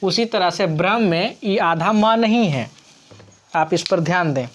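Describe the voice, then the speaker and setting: A woman's voice: lowish voice, a little hiss or hum. A woman teacher explaining grammar rules on screen, patiently asking questions and answering them herself. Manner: slow, patient, asks and answers her own questions.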